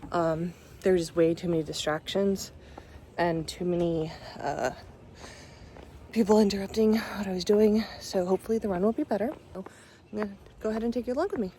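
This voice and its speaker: A woman's voice: mid-range voice, fairly quick, mellow, slight background noise. A young adult woman talking casually to camera in a vlog, chatty and reflective, with many fillers. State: hiccups. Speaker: vlogger.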